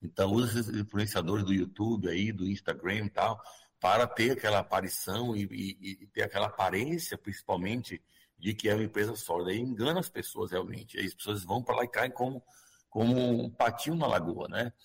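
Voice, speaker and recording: A man's voice: fairly low pitch, fairly quick, creaky, husky. A man with a Brazilian Portuguese accent explaining things as a guest expert in an interview, often checking for agreement in a conversational way.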